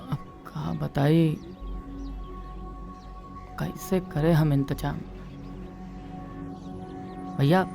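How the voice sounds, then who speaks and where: An actor playing a folksy village friend who coaxes and advises. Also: male voice, on the high side, gravelly. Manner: coaxing, folksy, drawn-out calls. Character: village fixer friend, man, folksy and coaxing. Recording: film soundtrack with background music.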